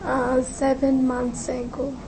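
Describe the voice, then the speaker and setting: A young woman with a high, flat, gravelly voice speaks slowly in simple English. Her answers are short and hesitant, as in classroom practice. The recording is noisy. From Bangladesh. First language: Bengali. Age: 20s. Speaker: English language student.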